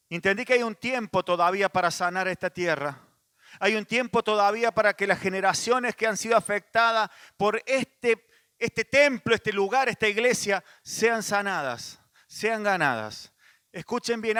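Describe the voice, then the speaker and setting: Man, Rioplatense Spanish accent, pastor, sermon, high tense voice, dry close sound. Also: pushed and bright, clear, resonant tone, no echo. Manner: conversational preaching, frequent restarts and asides.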